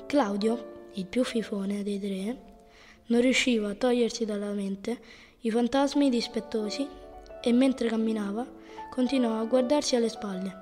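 Female audiobook narrator, mellow and measured, higher voice, faint music behind. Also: steady tone. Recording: reverberant audiobook over music.

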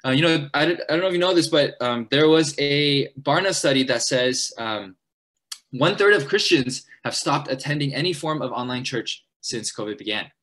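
A young adult man leading a church seminar for college students. He talks in a hurried, earnest way, with many fillers and restarts. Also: a little high, fairly bright tone. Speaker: college ministry leader at a church.

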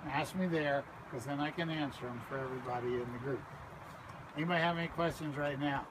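A man's voice: on the high side, quick pace. Male park ranger guiding a cave tour. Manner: patient, explanatory, checks in with "okay?". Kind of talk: guided cave tour talk. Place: visitor center lobby, then inside a cave. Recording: echoey cave with loud ambient noise.

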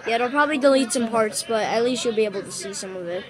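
A woman's voice: on the high side, fast talker, crowd noise. A woman chatting casually with a friend at home, playful and teasing. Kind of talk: casual chat.

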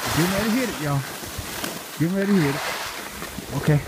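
A middle-aged man's fairly high, expressive voice delivers live first-person commentary on his ski run, in short repeated phrases while exerting himself. He films on a handheld phone or camera outdoors, and loud wind and rushing sounds come through.

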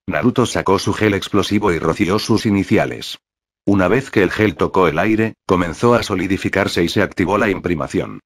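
Male fanfic narrator, very low pitch, steady flat delivery.

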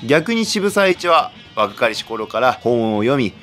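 A man's voice: medium pitch, very animated, unhurried, a bit bright, soft background music. A man explaining history as a channel host in the persona of a samurai warlord, with archaic wording and emphatic, theatrical delivery.

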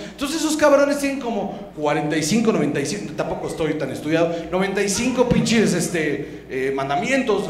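A man's voice: high-pitched, a little hiss or hum. A man with a Mexican accent doing a stand-up comedy set, talking in brash, profane slang. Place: comedy club stage with live audience. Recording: roomy live club with audience laughter.

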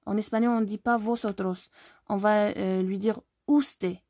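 A woman's voice: medium pitch, steady tone, moderate pace, mellow, no echo. A woman from Algeria teaching an online language lesson, explaining step by step and often checking that viewers follow.

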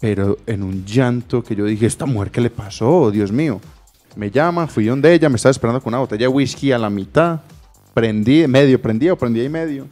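Songwriter guest, quick chatty man, faint music under him. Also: medium pitch. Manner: lively storyteller, laughs easily. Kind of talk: casual radio interview.

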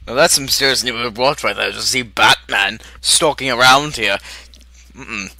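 A woman's voice: very deep voice, normal speed, sharp tone, no echo, exaggerated voice. A woman voicing a manic, giggling male villain clown, reacting to videos in character with crude, theatrical remarks. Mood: gleeful, unhinged.

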